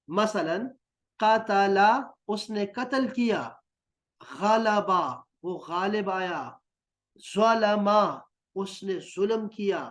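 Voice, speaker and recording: A man teaching Quranic Arabic words in a recorded lesson, patiently drilling and repeating them. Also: high voice. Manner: patient, repetitive drilling with gestures.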